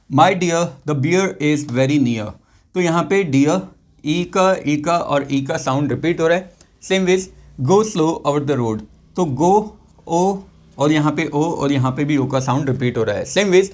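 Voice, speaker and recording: A male teacher giving a chatty lesson, reading example sentences slowly and explaining them briskly with joking asides. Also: fairly high pitch. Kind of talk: classroom lesson explaining poetry terms.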